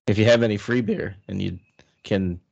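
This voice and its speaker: A man talks casually as a podcast co-host, unsure and noncommittal. His voice is on the low side. The audio is slightly dull. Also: moderate pace, creaky, a little mellow. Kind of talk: casual chat.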